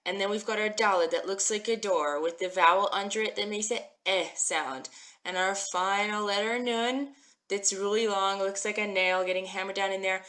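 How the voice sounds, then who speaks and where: A woman's voice: mid-range voice, a bit bright. Upbeat woman teaching a live Hebrew class. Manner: upbeat, encouraging, greets viewers by name. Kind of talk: live-streamed language lesson. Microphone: phone live stream.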